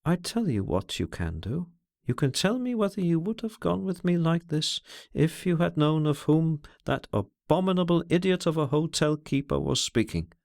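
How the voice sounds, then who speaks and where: Guy doing a brooding bitter man, gravelly, voice rising and falling a lot. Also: a little high, sing-song, a little mellow, pitched above the performer's own voice. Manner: bitter, introspective, measured. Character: brooding, scornful, self-searching man.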